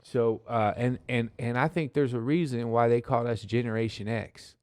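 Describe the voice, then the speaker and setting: A man's voice: mid-range voice, fairly even intonation, normal speed, a little mellow, no room sound. A man of forty, a comedian guesting on a podcast, chatting in an easygoing, rambling way. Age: 40s. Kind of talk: casual podcast chat.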